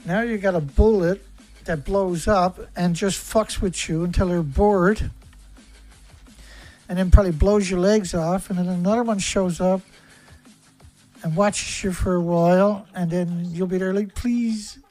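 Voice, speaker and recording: A man's voice: high voice, fairly even intonation, unhurried, long pauses, a little mellow, soft background music. A man hosting a livestream, delivering an angry, profane rant full of hammering rhetorical questions. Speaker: livestream host. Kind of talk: ranting livestream monologue.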